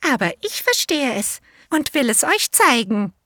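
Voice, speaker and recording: A woman's voice: high voice, big pitch swings, unhurried, pushed and bright, dry recording, clean studio sound, voice pushed up, heavily acted. A woman voicing a young, curious and polite elephant calf in a storybook, eager and childlike.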